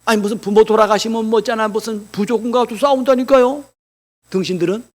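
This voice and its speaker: High-voiced emphatic male pastor preaching. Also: steady tone, fast talker. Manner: emphatic, rhetorical questions to the congregation; swings between loud declarations and quiet asides. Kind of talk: sermon. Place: church.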